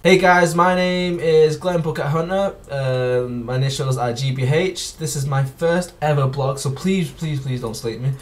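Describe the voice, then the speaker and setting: Guy vlogger, slightly high voice, keeps restarting and cursing, recorded from a distance. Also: fairly even intonation, unhurried, hardly any pauses. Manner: stumbling, restarts often, swears. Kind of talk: casual vlog intro. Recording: distant from the mic.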